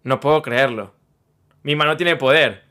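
A man's voice: mid-range voice, unhurried, bright, forceful tone, voice pushed down. A man voicing his proud middle-aged mother, who speaks in an awed, boastful way.

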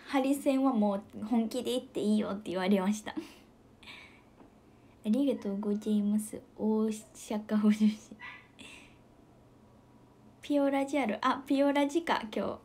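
A young woman with a Kansai accent, hosting a casual livestream. She chats about viewer comments in a giggly, soft-spoken way and often drops to a near whisper. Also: on the high side, normal speed. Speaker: idol livestream host.

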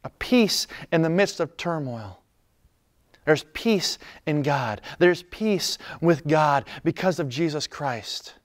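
A man preaching a sermon in an earnest, conversational way, dropping to soft, calm lines. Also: fairly high pitch, slow pace. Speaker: pastor.

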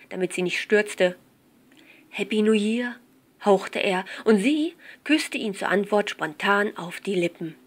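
A woman narrating a short crime story, reading it aloud in a steady storytelling manner. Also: mid-range voice.

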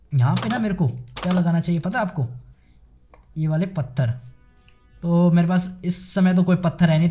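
Excitable young man narrating his gameplay. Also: on the high side. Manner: chatty, excitable, addresses viewers as guys and bhai sahab. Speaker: gaming YouTuber. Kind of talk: casual Minecraft let's play commentary.

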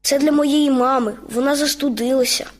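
Woman doing a little boy bunny for a kids' radio story: high, slow, earnest. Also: fairly even intonation, lightly acted. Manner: slow, earnest, wide-eyed. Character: small timid boy bunny.

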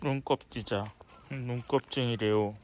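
A man, a dog trainer, calmly narrating a morning with his dogs in the countryside. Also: mid-range voice, unhurried, a little hiss or hum. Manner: calm narration, mock-scolding his dogs. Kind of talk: vlog narration and talking to dogs.

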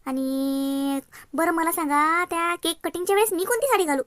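A woman's voice: very high voice, moderate pace, a bit bright, dry recording. Woman playing a fussy chatty young wife. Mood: fussy chatter. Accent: Varhadi Marathi.

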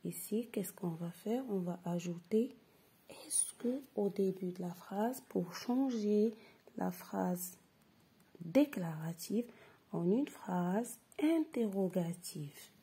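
A woman teacher going through a grammar exercise step by step, reading example sentences slowly and repeating them, then dropping to a breathy half-whisper to explain. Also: medium pitch, expressive, mellow. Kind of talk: slow step-by-step grammar lesson.

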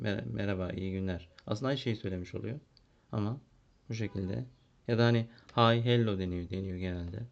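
Low-pitched man teaching a kids' english lesson, thinks out loud, kinda muffled lo-fi recording. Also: creaky. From Turkey. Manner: explains and translates, thinks aloud with fillers. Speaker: primary school English teacher. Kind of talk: classroom lesson walkthrough. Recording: dull lo-fi recording.

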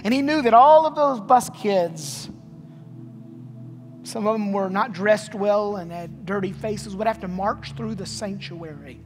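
Male pastor, storytelling sermon, fervent refrains, reverberant sanctuary, music bed. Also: high voice. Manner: storytelling preacher, building to fervent repeated refrains. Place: empty church sanctuary. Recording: long hall reverb with music behind.

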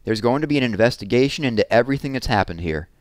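A man reading aloud, voicing a commanding, easily outraged female official who gives brisk orders. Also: medium pitch, expressive, dry recording, pitched above the performer's own voice, natural voice.

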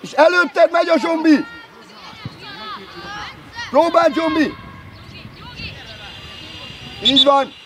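High-pitched man coaching from the sideline. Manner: shouts short urgent instructions and player names. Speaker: youth football coach. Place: outdoor football pitch. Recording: crowd noise from an outdoor match.

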